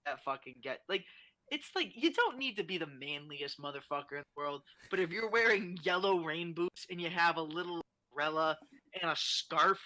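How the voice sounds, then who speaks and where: A man's voice: on the high side, lively intonation, normal speed, bright, forceful tone. A young adult man talking as a guest in a casual podcast chat, ranting animatedly and swearing a lot.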